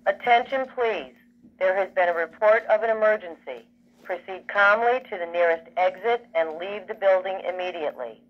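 A woman reads a formal, measured pre-recorded evacuation order, instructing listeners through a fire alarm speaker. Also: medium pitch. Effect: played through a fire alarm speaker. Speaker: evacuation announcer. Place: small alarm speaker on carpet in a room, phone recording. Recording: dull, noisy alarm speaker playback.

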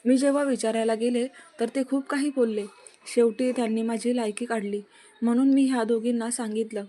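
A woman reading the lines of an anxious young female office worker who speaks quietly and pleads, in a story reading. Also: fairly high pitch, fairly even intonation, a little fast, close to an everyday voice. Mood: pleading.

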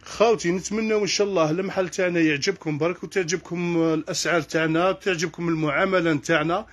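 Algerian shopkeeper, male, husky voice, races through prices on a live sale. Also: a little high, steady tone. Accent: Algerian Arabic. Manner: rattles off prices in quick succession. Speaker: kitchenware shop owner. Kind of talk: live sales stream.

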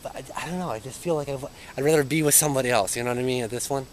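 A young adult urban explorer speaks very fast in a medium-pitched voice while filming a handheld vlog outdoors in an overgrown yard. Hesitant and uneasy, he trails off mid-sentence, and the rough recording has slight background noise.

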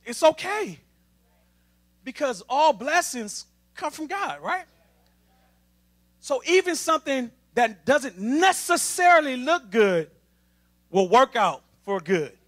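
A young man preaches in a church with a very high, bright voice. His delivery is animated and lively, full of playful call-and-response with the congregation. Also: takes it slowly, pauses often. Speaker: assistant minister. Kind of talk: lively sermon. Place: church sanctuary.

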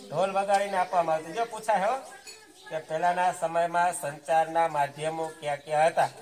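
High-voiced schoolteacher. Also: male voice. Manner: asks the class questions and answers them himself; keeps checking in with the class. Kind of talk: classroom lesson for schoolchildren.

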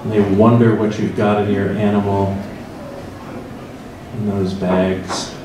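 A middle-aged man with an American Midwest accent leads a church forum, guiding listeners through a story in a slow, reflective second-person way, holding a handheld mic in a large hall. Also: on the low side, level tone. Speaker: priest leading a church forum. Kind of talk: guided meditation and interactive forum talk. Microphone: handheld mic, filmed from far across the room. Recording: echoey hall, distant mic, room noise.

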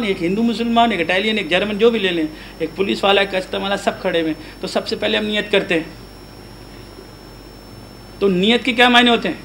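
Male religious teacher, high voice, lecture style, keeps questioning listeners, mixes in English words, faint background hiss. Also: fairly bright tone, low-quality recording. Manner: asks the audience frequent questions; chants prayer verses aloud. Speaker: Quran teacher.

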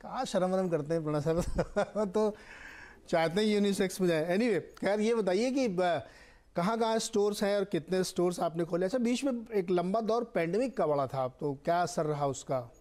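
Male news anchor, high mellow voice, studio interview host. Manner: measured questions with drawn-out fillers. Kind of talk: TV business interview.

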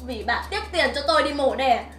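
A woman's voice: sits high, lively intonation, fairly quick, a bit bright, soft background music. An actress playing an abused young wife who has lost her baby, crying out tearfully. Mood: accusing. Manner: tearful, wailing. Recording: echoey, from far off.

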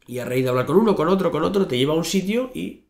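A young man, a native Spanish speaker, appears as a podcast guest across a desk in a small office studio, telling stories in a casual interview full of fillers and restarts. His voice is fairly high and gravelly, animated and quick. The desk mic picks up an echoey room.

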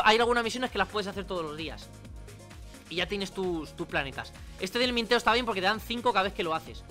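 Chatty bright-voiced man explaining. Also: high voice. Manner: chatty, informal, many asides and tag questions. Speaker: crypto channel host. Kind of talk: screen-recorded tutorial.

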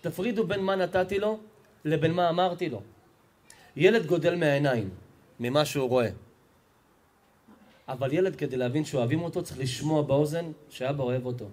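Rabbi lesson, man with a high voice, emphatic and animated, quizzes the room. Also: long pauses. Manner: emphatic, animated storytelling preacher; addresses listeners directly with questions. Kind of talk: Torah lesson to a live audience.

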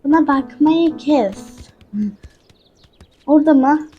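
A woman's voice: high-pitched, slow, dark tone, lo-fi sound, faint music behind. A woman hosting a gaming channel, chatting casually to her viewers as she plays and talking back to a character in the game. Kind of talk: casual let's-play commentary.

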